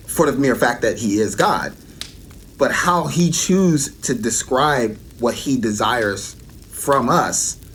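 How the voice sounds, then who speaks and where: A man's voice: mid-range voice, fairly bright tone, slight background noise. A man giving an earnest devotional teaching and often repeating his key points for emphasis.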